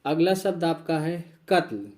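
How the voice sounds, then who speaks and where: Guy teaching english words, kinda high voice, repeats and spells everything. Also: lively intonation, darkish tone. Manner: slow, repeats each word and spells it out. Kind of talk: vocabulary lesson.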